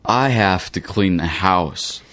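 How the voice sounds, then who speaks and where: In a clean studio recording with no room sound, a low-voiced man reads scripted dialogues slowly for people learning English. His tone is a little bright, and he delivers the everyday exchanges in a plain, careful way.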